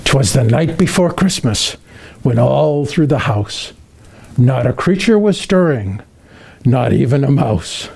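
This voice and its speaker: A man playing a jolly, kindly old Santa Claus, reading a children's Christmas poem aloud in an expressive, unhurried storytelling manner. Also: mid-range voice, vocal fry, breathy edge, exaggerated voice. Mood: warm storytelling.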